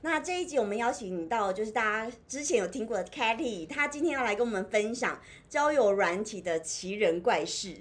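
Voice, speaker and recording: A young woman hosting a podcast in casual chat, asking curious questions and laughing loudly. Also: a little high, expressive, brisk, few pauses. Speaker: podcast host.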